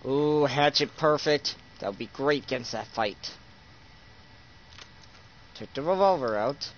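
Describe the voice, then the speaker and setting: A man's voice: medium pitch, unhurried. Muffled man muttering through a horror game. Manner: wary, talks to himself in short muttered remarks. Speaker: video game streamer. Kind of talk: casual let's-play commentary of a horror game. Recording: muffled, clearly noisy game recording.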